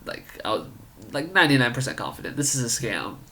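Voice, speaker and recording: A man's voice: medium pitch, sing-song, fast talker, bright, forceful tone. A man in his twenties casually telling a story about his own life, rambling and full of "like" and "you know". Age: 20s. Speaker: college student storyteller.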